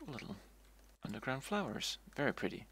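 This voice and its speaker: A man's voice: medium pitch, sing-song, normal speed, fairly bright tone, a little hiss or hum. A man streaming a game, talking casually in a rambling way and often repeating and restarting himself. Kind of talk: casual gameplay commentary.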